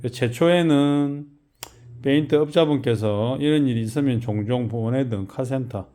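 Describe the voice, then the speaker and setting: Gyeongsang man in his forties, shop owner vlogging, rambling and worn out from an all-nighter, mid-pitched. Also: moderate pace, mellow. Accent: Gyeongsang Korean. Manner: rambling, loose and chatty. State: tired from an all-night job. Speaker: car detailing shop owner. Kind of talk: casual vlog narration.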